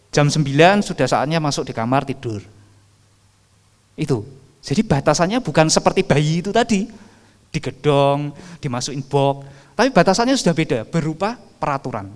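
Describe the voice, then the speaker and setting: A man, preaching a sermon and quizzing the congregation with rhetorical questions. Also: a little high. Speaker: pastor. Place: church sanctuary. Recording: reverberant church hall.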